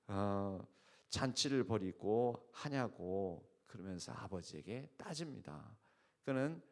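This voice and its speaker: A man's voice: fairly low pitch, darkish tone. A male pastor preaching an early-morning sermon, emphatic and explanatory, often putting rhetorical questions to the congregation. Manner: uses spoken fillers and restarts while explaining.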